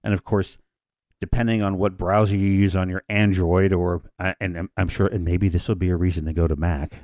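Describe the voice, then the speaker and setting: A man's voice: low-pitched, flat delivery, fairly quick, a little mellow, dry recording. A man. He co-hosts a casual podcast chat, rambling through asides and restarted sentences. The recording is close and dry. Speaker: podcast co-host. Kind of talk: casual discussion.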